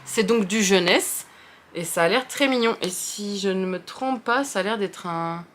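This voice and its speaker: A woman's voice: medium pitch, unhurried, a little hiss or hum. A young woman with a French accent chatting casually about books she likes, rambling with many fillers and restarts and poking fun at herself. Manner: self-deprecating, chatty. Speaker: book video host.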